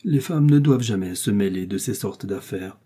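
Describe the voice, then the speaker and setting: A man's voice: on the low side, animated, moderate pace, mellow, slightly rough. A man voicing a flustered young son-in-law who stammers through evasive excuses. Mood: pompous.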